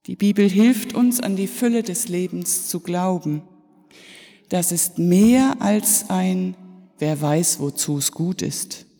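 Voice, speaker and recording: Woman, pastor, sermon, unhurried, reflective pauses, reverberant church. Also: medium pitch, dark tone, breathy edge. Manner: slow, reflective storytelling with pauses. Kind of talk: Easter sermon.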